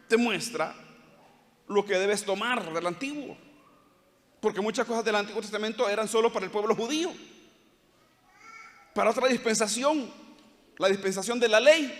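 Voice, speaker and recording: A man's voice: high voice, a bit bright, in a large hall. A man preaching a sermon as pastor with a Salvadoran Spanish accent, earnest, acting out short quoted dialogues. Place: church hall.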